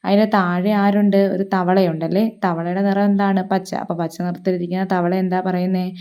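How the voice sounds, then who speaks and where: A woman teacher explaining a picture lesson to young children, slowly and patiently, asking questions and then answering them herself. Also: lowish voice, little pitch movement, warm tone, clear, resonant tone.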